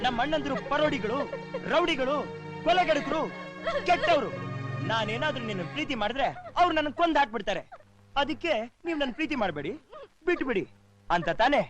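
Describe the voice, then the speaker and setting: A proud young hero in a film drama, mocking and defiant, his high voice leaping up and down. Clear film music plays under him. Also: expressive, fairly quick, long pauses, dull audio. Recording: film soundtrack with music behind.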